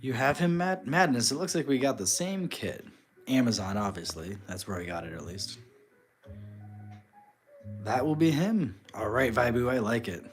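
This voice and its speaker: A man's voice: medium pitch, moderate pace, soft background music. A man casually chatting with viewers on a live stream while he crafts, reading and answering the chat.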